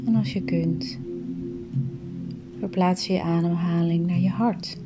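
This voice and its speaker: A woman guiding a meditation in a soft, soothing voice that often drops to a breathy whisper. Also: on the low side, steady tone, takes it slowly, over loud music. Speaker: meditation guide. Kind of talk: guided meditation.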